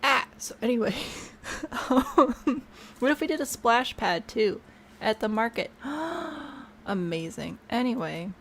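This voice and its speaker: A woman's voice: fairly high pitch, lively intonation, normal speed, fairly bright tone, a little hiss or hum. A woman chatting casually to herself while she builds in a video game, bubbly and prone to trailing off mid-thought. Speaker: game streamer.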